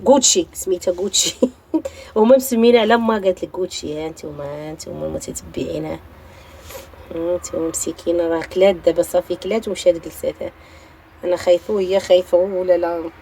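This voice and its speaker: A woman's voice: on the low side, steady tone, fast talker, darkish tone, a little hiss or hum. A woman with a Moroccan accent, chatting straight to her viewers in a home vlog filmed on a phone. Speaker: vlogger. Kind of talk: casual chat to viewers. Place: home balcony. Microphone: phone held while filming.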